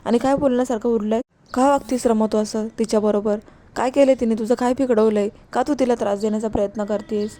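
A woman's voice: a little high, fairly even intonation, quick pace, dark tone, no room sound, natural voice. A woman reading an angry young husband. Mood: reproachful. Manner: short, reproachful questions. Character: angry young husband, stressed and sharp-tongued.

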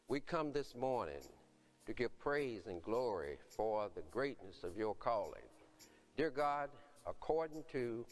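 An older man, a deacon, reading scripture and praying from a podium on a dark church stage in a slow, solemn, measured way. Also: lowish voice.

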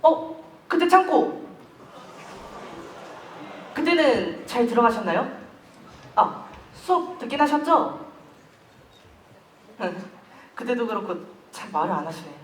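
A man's voice: very high voice, big pitch swings, heavily acted. A teenage boy in a school play, acting a chatty, easily offended schoolboy who grumbles a lot. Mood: irritated. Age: teens. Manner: talkative, quick to take offence, grumbling. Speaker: student actor in a school play. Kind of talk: amateur stage acting. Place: school stage. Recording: echoey hall, mic far from stage, faint noise.

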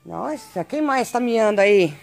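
A woman's voice: medium pitch, lively intonation, measured pace, gravelly. Brazilian woman cooing at her pets. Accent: Brazilian Portuguese. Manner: sing-song baby talk to her birds and animals. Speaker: animal channel vlogger. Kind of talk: casual vlog talking to pets. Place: outdoors in a backyard with chickens.

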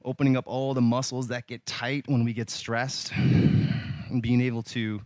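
A man leading a yoga workout, giving calm, encouraging cues with light humor and sometimes slightly out of breath. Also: mid-range voice, a little slow, dry recording. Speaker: yoga instructor. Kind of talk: guided yoga class instruction.

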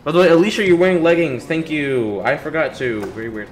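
His voice sits a little high and moves at a quick pace as this gaming YouTuber jokes through a playthrough. He chatters in slang, speaks to the characters, and has light video game music behind him.

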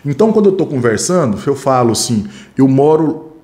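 A man's voice: mid-range voice, quick pace. A middle-aged man with a Brazilian Portuguese accent, a security training instructor teaching in a classroom, talking with his hands and correcting himself as he goes. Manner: animated, talks with his hands, self-correcting. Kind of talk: classroom-style lesson with acted examples.

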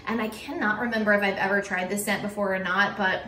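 A woman's voice: medium pitch, steady tone, quick pace, pushed and bright, echoey room, far from the mic, slight background noise. A young woman talking casually to camera at her kitchen table about her cleaning products, chatty and full of "um" and "like". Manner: chatty, with frequent "um" and "like". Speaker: cleaning vlogger and teacher. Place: kitchen table at home, indoors.

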